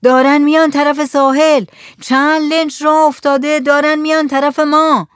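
A woman putting on an alert fisherman with a who calls out in a loud, urgent voice. His pitch is high and strained. The recording is close and dry. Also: expressive, dry recording. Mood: alarmed.

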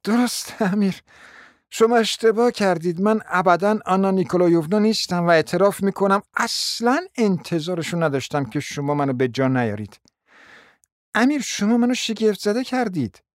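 A proud, formal society matron, performed by a male reader, her voice pushed far up into a high register. She speaks with polite insistence, and the recording is dry and close. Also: lively intonation, no room sound. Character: proud middle-aged mother, society hostess.

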